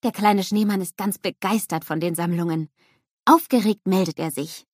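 A woman narrating a scripted children's story in a lively storybook manner. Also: medium pitch, normal speed, no room sound, clean studio sound.

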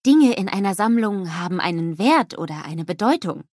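A woman voicing a kind, patient female schoolteacher who corrects gently. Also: mid-range voice, animated, normal speed, no room sound, studio quality, close to an everyday voice. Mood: gentle.

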